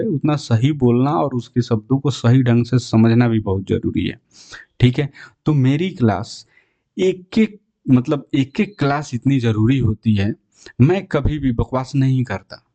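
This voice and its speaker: A male teacher works through English spelling rules in a soft, mellow voice, at an ordinary pitch. He talks in a casual, chatty way, often stopping to ask whether his students follow. He drags the example words out slowly. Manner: checks in often with "clear?" and "theek hai", drawls example words slowly; chatty and informal, stops for asides to students. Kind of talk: Hindi-language spelling lesson.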